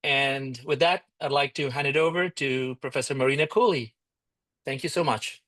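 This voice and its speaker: Man, event host, halting intro with restarts, dry close sound. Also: mid-range voice, a bit bright, no room sound. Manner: halting, with many fillers and restarts. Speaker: alumni network president, event host. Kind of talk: introducing a speaker.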